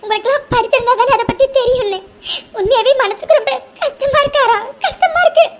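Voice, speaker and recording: A woman's voice: lively intonation, normal speed, a bit bright, a little hiss or hum. A woman voicing a heartbroken, devoted young woman who talks through sobs in a pleading way. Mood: tearful, wounded. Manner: sobbing, pleading, high and thin. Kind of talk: cartoon voice acting.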